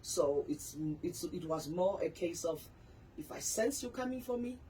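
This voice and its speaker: A woman's voice: fairly low pitch, expressive, normal speed, dark tone, a little hiss or hum, low-quality recording. A woman in her forties, a pastor and author, candidly telling her personal story in a radio interview. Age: 40s.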